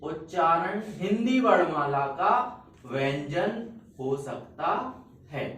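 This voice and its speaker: A man teaching an English grammar lesson in a classroom, slowly repeating points and quizzing his students with questions. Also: fairly high pitch, expressive, fairly bright tone. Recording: echoey room, mic far off.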